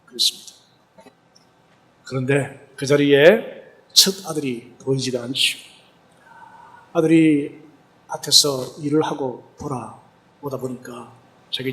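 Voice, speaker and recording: A man's voice: mid-range voice, sharp tone. A male pastor preaching a sermon, retelling a parable and asking rhetorical questions.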